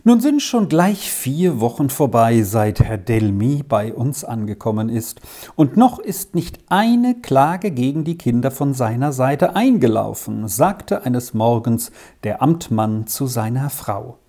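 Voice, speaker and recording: A woman narrating a chapter of a storybook in an expressive, measured reading. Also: very deep voice. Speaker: audiobook narrator.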